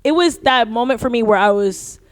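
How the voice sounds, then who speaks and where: Young woman, podcast guest, fairly high voice, dry sound, animated, casual chat. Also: a little fast, no echo. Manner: animated, gushing, leans on "like".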